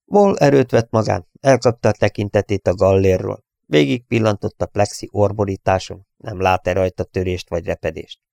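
A man reading an audiobook in a steady, measured storytelling manner. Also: on the low side, vocal fry, no echo, studio quality. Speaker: audiobook reader. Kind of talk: audiobook narration.

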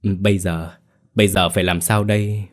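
A man voicing a sharp-tongued, scornful older village wife who scolds and dismisses her husband, in a told ghost story. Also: low-pitched, level tone, a little fast, natural voice. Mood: frightened.

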